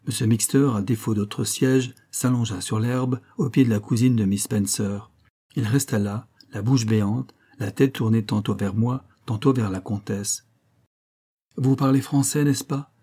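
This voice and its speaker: A man reading a literary story aloud as a narrator, with a measured, even delivery. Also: on the low side. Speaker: audiobook reader.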